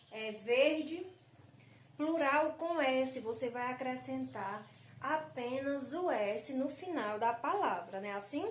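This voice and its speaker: A woman teacher giving a recorded lesson to primary pupils. She goes through each answer slowly and asks "isn't that right?" after each one. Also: high voice. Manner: slow, drawn-out, asks "não é isso?" after each answer. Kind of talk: recorded remote class lesson. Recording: echoey room.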